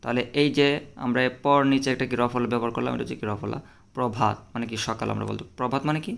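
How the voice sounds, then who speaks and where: A man's voice: mid-range voice, fairly even intonation, quick pace, gravelly. A male teacher, giving a classroom lesson and patiently repeating each answer after his own rhetorical questions.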